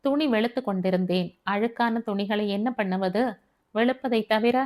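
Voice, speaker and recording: A woman's voice: mid-range voice, normal speed, darkish tone, lightly acted. A woman reading the part of a frank, self-possessed divorced woman who speaks candidly, as audiobook dialogue. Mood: composed.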